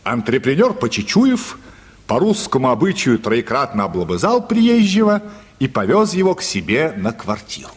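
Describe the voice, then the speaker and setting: Speaking at normal speed, a male narrator reads a story for radio drama with a husky, mid-pitched voice. He's lively and expressive, recorded in a reverberant studio hall that leaves a long tail on his words.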